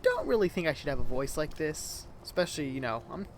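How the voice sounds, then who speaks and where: A fast-talking YouTuber in his twenties, his slightly high voice swinging widely in pitch, rambles casually to viewers against a noisy background. He calls his voice childish and keeps correcting himself in this chatty vlog talk.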